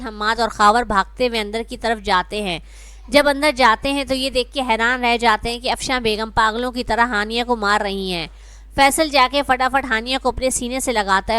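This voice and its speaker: A woman's voice: a little high, fairly bright tone, smooth, dry recording. Woman narrating a family drama. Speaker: storyteller.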